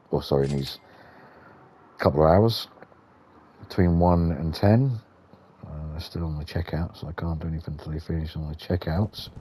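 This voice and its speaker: A British man with an extremely low, husky voice talks through a video game. His tone is dark and mellow, and his commentary is casual, understated and a little repetitive. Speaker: gaming video host.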